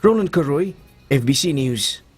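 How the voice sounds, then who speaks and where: A male news reporter delivers scripted narration. His voice is distinctly high-pitched for a man. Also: expressive, moderate pace, breathy edge, faint music behind.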